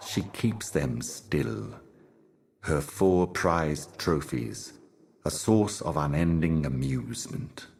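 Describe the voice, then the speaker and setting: The Envoy, profoundly deep cosmic herald. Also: male voice, expressive, creaky, a little mellow, full character voice. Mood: grave, cryptic. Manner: ominous, grandiose, deliberate, cryptic. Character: solemn otherworldly male herald of cosmic horrors. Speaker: game character, messenger and guardian. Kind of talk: theatrical video game monologue.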